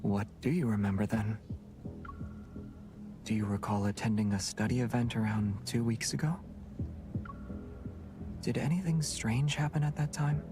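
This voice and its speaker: An actor playing a calm, earnest young hunter in scripted game dialogue. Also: male voice, on the low side, moderate pace, pauses often, over music, lightly acted. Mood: calm, questioning.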